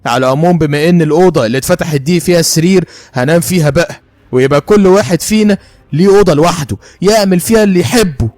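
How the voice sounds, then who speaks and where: A man voicing a scheming, hot-tempered young man with an Egyptian accent, quick and teasing and easily riled. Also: fairly high pitch, big pitch swings, no echo, soft background music. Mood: irritated.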